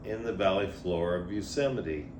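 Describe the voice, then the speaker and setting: With a low, slightly mellow voice at normal speed, an older guest storyteller drifts through his memories, pausing hesitantly and letting sentences trail away. The room echoes, and background noise can be heard.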